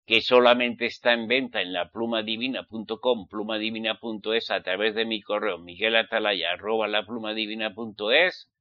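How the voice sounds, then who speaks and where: Here a preacher from Spain's Basque Country, Spanish-accented, thunders a sermon at his audience, scolding them with emphasis and posing rhetorical questions. His pitch is fairly low and his intonation fairly even, moving at a normal speed with hardly any pauses. There's no room sound, and the high frequencies are cut off.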